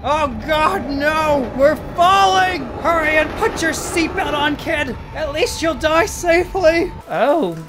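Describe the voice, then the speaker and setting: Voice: high-pitched, slow, hardly any pauses, music in the background. A performer voicing a tusked walrus character who hosts game videos and yelps and shrieks at the game in playful commentary. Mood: excitable. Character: excitable tusked walrus gamer. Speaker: gaming video host. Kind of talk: let's play commentary.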